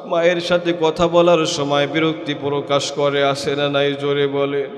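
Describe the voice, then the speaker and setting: A Bangladeshi man preaching an Islamic sermon in a melodic chant, exhorting listeners and swinging into loud cries. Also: fairly high pitch, monotone, moderate pace. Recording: echoey PA with long reverb.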